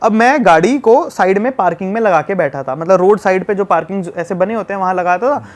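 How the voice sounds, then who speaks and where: A man from Delhi, a travel vlogger, telling a road-trip fight story in an animated, casual way. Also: high voice, fast talker. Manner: animated, acts out shouting in the retelling. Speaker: travel youtuber guest.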